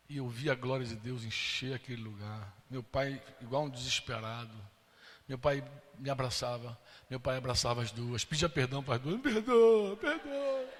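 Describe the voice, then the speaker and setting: Bright-voiced man preaching a testimony. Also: mid-range voice. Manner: emotional storytelling, acting out quoted voices. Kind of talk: sermon testimony. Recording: long hall reverb.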